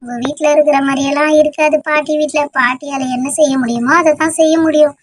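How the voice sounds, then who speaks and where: A woman's voice: sits high, fairly even intonation, fast, close to an everyday voice. A woman voicing a frail old grandmother in a cartoon, fondly scolding and fussing over the children. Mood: gentle. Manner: affectionate scolding, calls children dear. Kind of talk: cartoon voice acting.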